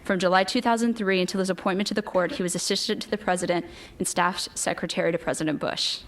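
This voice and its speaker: A woman's voice: lowish voice, fairly even intonation, quick pace. A woman hosting a formal event, reading scripted biographical introductions aloud. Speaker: event host introducing judges.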